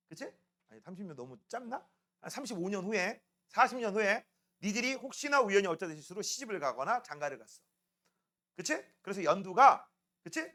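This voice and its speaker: Middle-aged guy teaching a class, high bright voice, teases the kids a lot, keeps asking "right?". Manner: rough, teasing banter with students, frequent tag questions. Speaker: science academy teacher. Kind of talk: classroom lecture.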